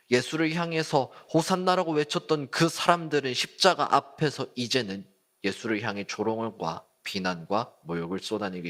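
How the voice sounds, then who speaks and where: A man's voice: medium pitch, a bit bright. Man preaching a youth service. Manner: conversational preaching, asks the congregation questions. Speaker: youth group pastor. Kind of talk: sermon. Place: church service.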